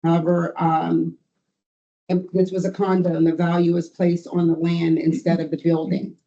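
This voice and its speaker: A board administrator reads out a formal report in a halting, procedural way. The voice is mid-pitched and very mellow, and the meeting audio sounds muffled. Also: completely flat delivery.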